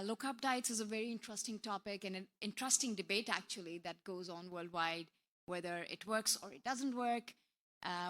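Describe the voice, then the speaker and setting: A woman's voice: mid-range voice, fairly bright tone. A woman from Pakistan moderating a conference session, introducing speakers in a friendly, loose way with fillers.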